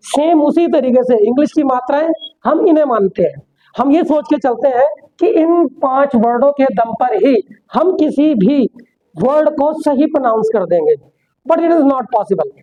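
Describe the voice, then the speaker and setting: A woman teaching an English pronunciation lesson, mixing Hindi and English, repeating words and asking the class questions. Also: high voice. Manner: repetitive, asks the class questions; slows down sharply for English sentences. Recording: dull, lo-fi sound.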